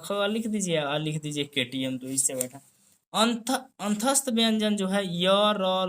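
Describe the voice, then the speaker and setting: A woman teaching grammar to students, taking her time over every point. Her voice sits a little low and her delivery is unhurried. She repeats the key items and quizzes the listener as she goes. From India. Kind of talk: classroom-style lesson.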